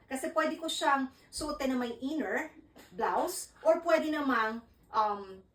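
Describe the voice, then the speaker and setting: Slow-talking Filipino woman vlogger. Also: on the high side, echoey room, far from the mic, poor audio. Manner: chatty, Taglish code-switching, animated. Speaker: fashion vlogger. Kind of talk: casual vlog.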